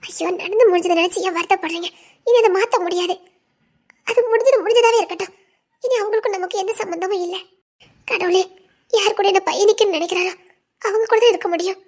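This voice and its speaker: A woman voicing a very high gentle young wife, Tirunelveli accent. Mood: comforting. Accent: Tirunelveli Tamil. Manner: soothing, teasing, comforting. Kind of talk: audio drama acting.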